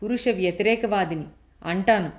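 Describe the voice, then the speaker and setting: A woman with a mid-range voice, speaking at normal speed and lightly acted, plays a fiery middle-aged woman who hates men. She talks sharply and indignantly, raising her voice to shout accusations.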